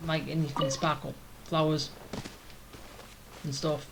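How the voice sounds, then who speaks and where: A woman with a low, even voice speaks slowly over loud game music and sound effects. She is a gaming streamer giving casual commentary, mumbling offhand remarks to herself.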